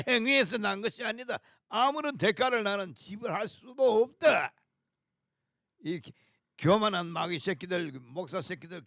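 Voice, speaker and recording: A man's voice: high voice, vocal fry, sharp tone, no echo, clean studio sound. A man preaching a fiery sermon, scolding harshly and hurling coarse insults. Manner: sings a hymn slowly.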